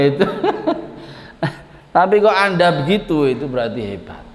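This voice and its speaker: A man's voice: a little high, sing-song, unhurried. A man with a Javanese accent giving a religious lecture in a storytelling way. He laughs often and acts out the people in his stories. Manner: storytelling, mixes Javanese and Arabic, laughs often, voices characters. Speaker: Islamic teacher. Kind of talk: religious lecture on a classical poem. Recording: echoey room with long reverb.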